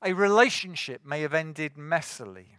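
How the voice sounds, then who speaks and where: A man preaching a sermon, earnest and rising to forceful emphasis. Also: on the high side, expressive, moderate pace, no room sound, studio quality.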